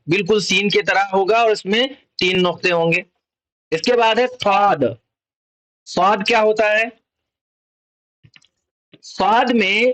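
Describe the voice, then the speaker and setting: Patient urdu-accented guy teaching kids their letters, high bright voice, says each sound twice. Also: low-quality recording. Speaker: Arabic alphabet teacher for children. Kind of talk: slow explanatory lesson.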